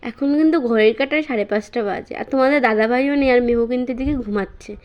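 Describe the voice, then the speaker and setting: Young mom vlogging at home, talks fast, bit high voice, lo-fi phone sound. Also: female voice, loud music behind the voice. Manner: chatty, many fillers, baby talk to her child. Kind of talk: casual home vlog chat.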